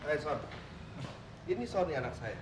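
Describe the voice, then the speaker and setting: A man's voice: on the high side, very animated, moderate pace, noisy background. An actor playing a middle-aged father who politely introduces people and offers a ride. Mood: courteous. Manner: courteous, persuasive. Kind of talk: TV drama acting.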